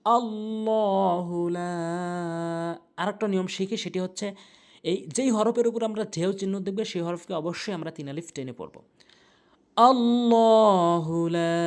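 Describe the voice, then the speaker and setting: A man teaching Quranic recitation rules, explaining mistakes briskly and chanting the verses slowly with long drawn-out vowels. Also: sits high, darkish tone. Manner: repeats corrections, contrasting wrong and right pronunciation. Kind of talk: tajweed lesson with chanted recitation.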